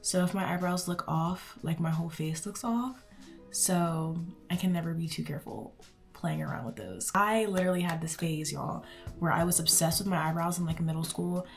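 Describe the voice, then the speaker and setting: Young beauty vlogger, woman with a low-pitched voice, rambly makeup chatter, soft music behind. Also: moderate pace, gravelly. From Houston, Texas. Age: 20s. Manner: chatty, rambling, says "like" often. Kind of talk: casual chat while doing makeup.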